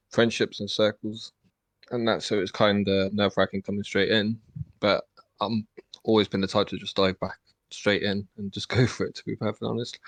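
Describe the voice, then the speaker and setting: A man's voice: on the low side, a bit bright, no echo. A man chatting as a tabletop game player on a podcast, laid-back, with frequent fillers and laughs. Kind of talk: casual podcast chat.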